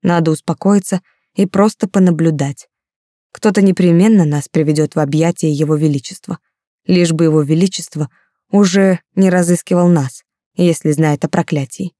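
A woman reads a first-person novel aloud in a calm, even storytelling manner. Her voice is low and mellow. The recording is close and dry, with no room sound. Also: moderate pace, no echo. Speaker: audiobook narrator.

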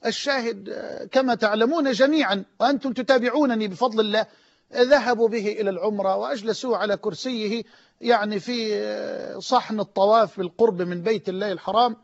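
A man with an Egyptian accent preaching an emotional sermon, swinging from near-shouts to low, hushed lines. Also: fast, vocal fry. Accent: Egyptian Arabic. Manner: impassioned, rising to near-shouts and dropping low. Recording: dull lo-fi audio.

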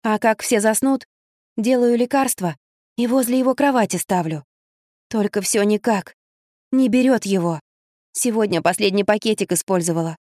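A woman's voice: darkish tone, dry recording, studio quality, close to an everyday voice. A woman reading an audiobook, voicing a frightened little girl who pleads through tears. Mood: tearful. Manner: sobbing, pleading, rising high.

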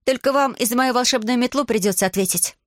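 A woman's voice: on the high side, quick pace, no echo, studio quality, voice pushed up, close to an everyday voice. A woman voicing a bold, cheeky young sorceress with a wand, speaking confidently, read for an audiobook. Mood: cocky.

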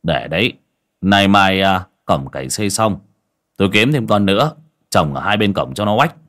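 A man voicing a boastful, gruff middle-aged village householder, in a spoken folk tale. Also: deep voice, big pitch swings, moderate pace, a bit bright, voice pushed down. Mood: smug. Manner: gruff and scolding.

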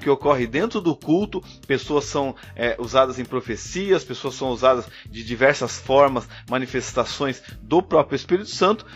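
A man's voice: medium pitch, expressive, moderate pace, few pauses, breathy edge, soft background music. A man hosting a podcast in a casual theological discussion, affirming the others and laying out his argument step by step. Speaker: podcast host. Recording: slightly dull lo-fi audio.

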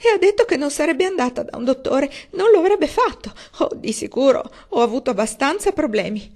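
A woman reading aloud, voicing a distraught middle-aged mother who sobs and wails in a high, tearful voice. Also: sing-song, fairly quick, darkish tone. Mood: sobbing. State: sobbing.

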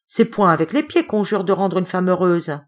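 A woman voicing a rough, boisterous male forest bandit who speaks in rustic dialect. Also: on the low side, normal speed, close to an everyday voice.

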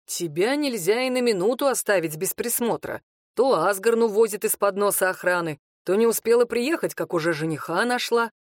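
A woman voicing a smug, teasing male lover in an audiobook, speaking low and slow. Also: lively intonation, no echo, clean studio sound, lightly acted. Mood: stern.

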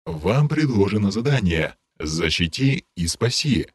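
A man voicing a solemn male game system announcer in an audiobook, speaking in a formal, measured way. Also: lowish voice, very animated, breathy edge, dry recording, heavily acted.

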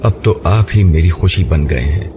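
Young bride, tender and pleading, read by a deep-voiced man; noisy track. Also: animated. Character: young woman, tearful and devoted new bride. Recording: noisy background hiss.

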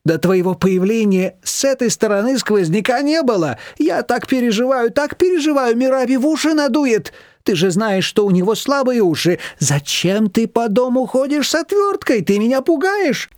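A woman's voice: fairly high pitch, lively intonation, normal speed, hardly any pauses, darkish tone, no room sound, studio quality, pitched above the performer's own voice, close to an everyday voice. A man reading an audiobook, voicing a fussy older mother-in-law who nags in a sweet, fretful way. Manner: sugary, fretful, nagging.

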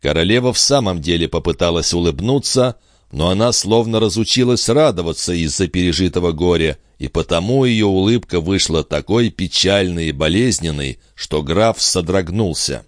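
A man narrating an audiobook in a calm, even storytelling manner. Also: sits low, moderate pace, dry recording, clean studio sound.

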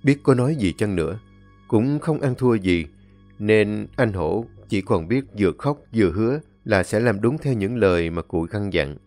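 A man narrating a scripted story in a measured, even way. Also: fairly low pitch, faint music behind.

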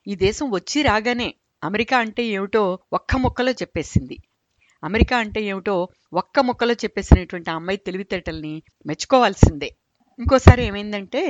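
A woman narrates amusing anecdotes in a relaxed, chatty way, with an amused edge. Her voice sits in a middle range. The recording sounds dull and dry, with no room echo. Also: medium pitch. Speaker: storyteller. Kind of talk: humorous storytelling narration.

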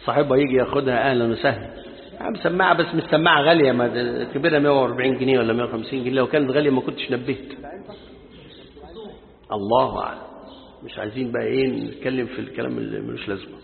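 A man's voice: medium pitch, very fast, vocal fry. A man with an Egyptian accent giving a colloquial religious lesson, joking and talking straight to his listeners. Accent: Egyptian Arabic. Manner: lively, joking and addressing listeners directly. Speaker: Islamic scholar teaching a lesson. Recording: tinny lo-fi recording in a reverberant hall.

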